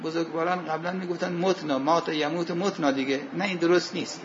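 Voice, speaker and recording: A man teaching a seminary class on Arabic grammar and scripture, asking his students questions, answering them himself, and reciting verses slowly. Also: on the high side, fairly even intonation, lo-fi sound, a little hiss or hum. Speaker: religious studies teacher.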